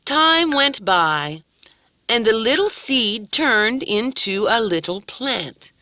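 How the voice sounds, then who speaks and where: Woman, kids' story narrator, bright, dry, slow. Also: on the high side, no echo. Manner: gentle, expressive.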